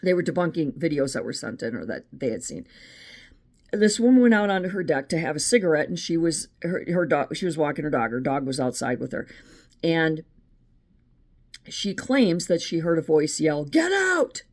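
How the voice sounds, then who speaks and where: A middle-aged American woman from the United States hosts her own channel, delivering a chatty, opinionated casual monologue with frequent restarts. Her voice is low, expressive and a little mellow, at a normal speed.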